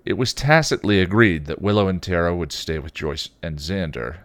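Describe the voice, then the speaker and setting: A man hosting a podcast, reading a fan fiction chapter aloud with expressive delivery and occasional slips. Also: low voice, moderate pace, no echo. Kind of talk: read-aloud story narration.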